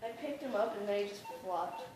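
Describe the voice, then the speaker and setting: A woman's voice: medium pitch, fairly quick. A young woman casually chatting while playing a video game, talking with lots of "like" and giggling. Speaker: gamer. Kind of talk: casual gaming chat. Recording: echoey room with loud background noise.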